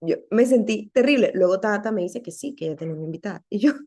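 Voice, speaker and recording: A woman giving an earnest, conversational devotional talk to other women, often checking in with quick rhetorical questions. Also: medium pitch, expressive, dark tone. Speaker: women's ministry teacher.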